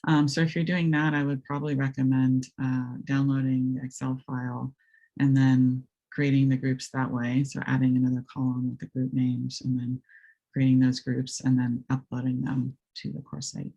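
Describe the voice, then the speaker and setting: A woman with a raspy voice presenting a webinar, walking through software step by step with many hesitant ums. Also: rumbling low, little pitch movement, moderate pace, highs cut off. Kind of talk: screen-share software walkthrough.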